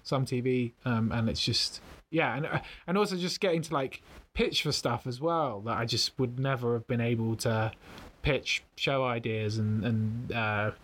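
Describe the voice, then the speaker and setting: Young male comedian guest, mid-range voice, halting and chatty, laughs easily. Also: mid-range voice, fairly bright tone. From Britain. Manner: hesitant, full of fillers and restarts, laughs often. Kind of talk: casual interview chat.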